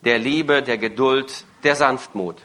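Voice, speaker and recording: Male live interpreter, bright and forceful tone, keeps pace phrase by phrase, small stumbles and self-corrections. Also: mid-range voice, takes it slowly. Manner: follows phrase by phrase, occasional hesitations and self-corrections.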